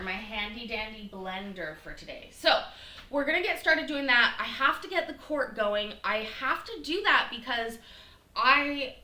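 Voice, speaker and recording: In an echoey home kitchen with faint noise, a middle-aged woman runs a casual cooking livestream, addressing viewers by name as she rambles with fillers. Her voice is mid-range, pushed and bright.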